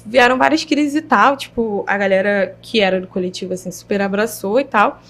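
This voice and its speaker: A young woman with a Brazilian Portuguese accent, a guest telling a personal story in a chatty, lively way full of slang fillers. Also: medium pitch, a little fast. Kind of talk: interview storytelling.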